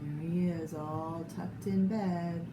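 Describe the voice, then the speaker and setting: An American woman with a slightly low voice reads a children's picture book aloud, slow and expressive, stopping now and then to point out pictures to her young listeners with little asides. The lo-fi recording comes from an echoey room with clearly audible background noise.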